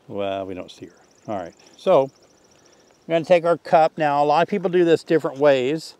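A man in his sixties teaching a beekeeping test outdoors by the hives, talking in a relaxed, folksy way while he works. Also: on the high side, normal speed, no echo. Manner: relaxed, folksy, thinks aloud while working. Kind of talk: hands-on outdoor demonstration. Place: outdoors in an orchard beside beehives.

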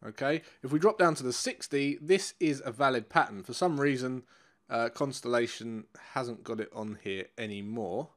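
At a moderate pace and in a mid-range voice, a congested, nasal-sounding trading coach from England leads a live chart walkthrough for currency traders. This middle-aged man keeps it relaxed and educational, going back over the important points.

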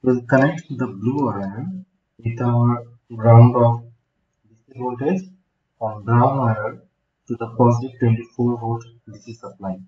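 A man's voice: medium pitch, a little slow. A man in his thirties giving a step-by-step technical tutorial from a desk in a small room. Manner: steady step-by-step explaining. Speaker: automation instructor. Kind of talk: screen-recorded technical tutorial. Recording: dull lo-fi home recording.

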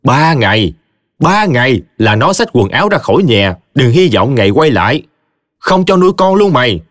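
A man's voice: medium pitch, very animated, normal speed, dry recording, clean studio sound, pitched above the performer's own voice, close to an everyday voice. A man voicing a stern male village teacher who lectures his friend scornfully. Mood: lecturing.

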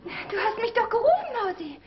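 Sugary falsetto lady calling from offstage, a man putting it on, echoey and dull. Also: big pitch swings, brisk. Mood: sing-song. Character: sweet-voiced woman calling back from offstage.

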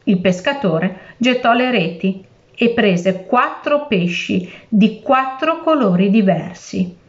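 A woman narrating a fairy tale in a calm, measured reading style. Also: medium pitch, muffled recording. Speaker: storyteller.

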